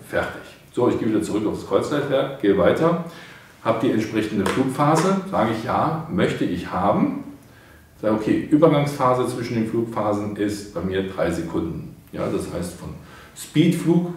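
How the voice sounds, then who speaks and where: Seated at an indoor studio desk before a painted backdrop, a middle-aged man casually demos a product for hobbyists, guiding viewers step by step. His voice is on the low side and a little mellow, heard from far off in a very echoey room.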